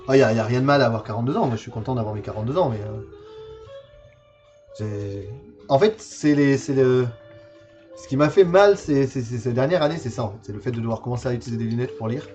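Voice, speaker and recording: A man in his forties talks fast in a medium-pitched, darkish voice while presenting his game collection on a livestream, hesitant and full of fillers and repeated words. The sound is lo-fi, with soft music in the background.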